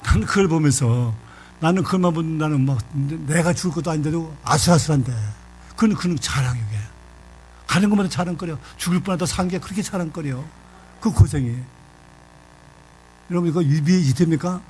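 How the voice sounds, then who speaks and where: An older man preaching a sermon in a church, telling a story in a lively, folksy way. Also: on the high side, a little fast, slight background noise. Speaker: pastor.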